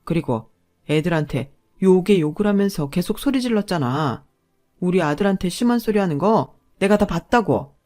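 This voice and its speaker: A woman voicing an angry husband who shouts accusations at his mother. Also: lowish voice, lively intonation, normal speed, faint music behind, close to an everyday voice.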